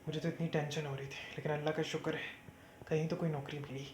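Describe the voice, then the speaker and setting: A woman plays a widowed mother, tender and worn down, who talks softly and with resignation. Her voice sits fairly low. The recording is roomy and echoey, with steady noise underneath. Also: quick pace, close to an everyday voice. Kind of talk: amateur short-film acting.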